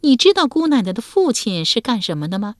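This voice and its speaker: A woman voicing a clever young wife who speaks in a coy, sharp-tongued and deliberate way in a storytelling recording. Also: fairly high pitch, very animated, no echo, studio quality, pitched above the performer's own voice. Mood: teasing.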